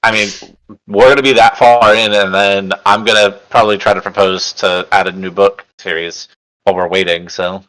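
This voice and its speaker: A man's voice: lowish voice, level tone, normal speed, a bit bright, clean tone, low-quality recording. A man in his thirties co-hosting a casual book club podcast with a joking, easygoing manner. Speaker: podcast co-host.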